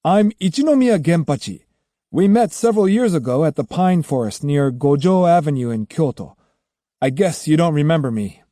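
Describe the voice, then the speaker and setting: A man's voice: a little high, expressive, normal speed, warm tone, no room sound, clean studio sound, lightly acted. A man voicing a hearty, courteous wandering monk in an audiobook. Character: wandering monk-warrior, friendly and direct. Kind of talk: audiobook character voice.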